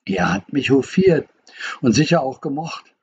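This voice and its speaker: A man reading the part of a wounded middle-aged mother with a soft, gentle voice, defensive and reproachful. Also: medium pitch, lively intonation, unhurried, husky, muffled recording.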